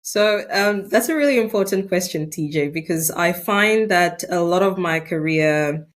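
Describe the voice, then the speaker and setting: A woman's voice: on the low side, moderate pace. A middle-aged woman from Ghana, a scientist answering interview questions thoughtfully. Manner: thoughtful, with frequent um fillers. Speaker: guest scientist. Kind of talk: interview conversation.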